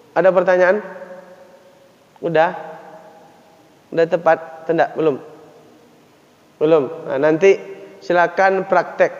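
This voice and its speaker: A man with a high voice teaches a class at an unhurried pace, patiently repeating each letter sound. He is recorded in a mosque hall with a long echo and a dull, lo-fi sound. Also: darkish tone. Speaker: Quran recitation teacher.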